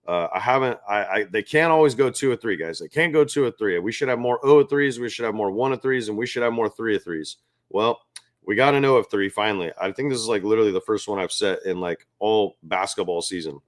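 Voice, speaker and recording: A man hosting a sports betting picks show, talking loosely and with amusement straight to his viewers. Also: on the low side. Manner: chatty, loose and self-amused, talks straight to viewers as "guys". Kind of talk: casual talk to camera.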